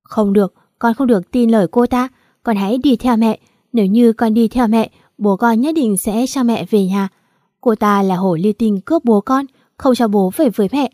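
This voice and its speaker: Woman doing a deceitful mother, sobbing, melodramatic, manipulative, mellow. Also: on the high side, normal speed, no echo, studio quality, lightly acted.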